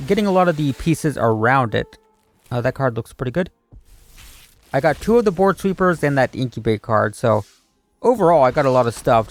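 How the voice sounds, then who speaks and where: A man giving casual, off-the-cuff gaming commentary as a video host, musing aloud in a rambling, hesitant way. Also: mid-range voice. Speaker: video creator opening card packs.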